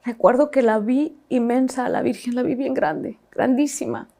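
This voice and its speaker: A woman recounts her own story as a personal testimony. Her voice sits a little high, with a gravelly fry running through it. She speaks haltingly and reflectively, often pausing and restarting her sentences. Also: mellow.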